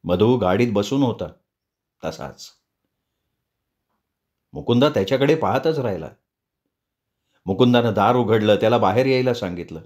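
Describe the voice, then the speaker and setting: A man telling a story aloud in steady, expressive audiobook narration. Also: fairly low pitch, moderate pace, pauses often.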